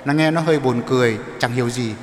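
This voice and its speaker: Priest preaching in an echoey church. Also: male voice, medium pitch, quick pace. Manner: explanatory, asks the congregation questions. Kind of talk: sermon. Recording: echoey church with long reverb.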